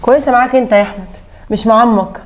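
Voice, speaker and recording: An actress playing a scheming, spiteful mother-in-law, with an Egyptian Arabic accent and a scolding, sharp-tongued manner. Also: a little high, rapid-fire, slight background noise, natural voice. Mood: sweetly complaining. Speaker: actress in a web drama.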